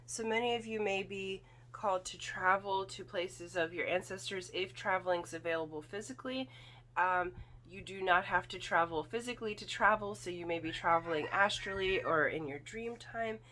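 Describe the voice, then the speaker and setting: A woman giving a spiritual card reading in casual, halting talk, her throat slightly foggy and congested from irritation. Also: medium pitch, bright, forceful tone. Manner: halting, thoughtful, often checks with "okay?". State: throat irritated by volcanic fog, occasional coughing and throat clearing. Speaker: tarot and oracle card reader.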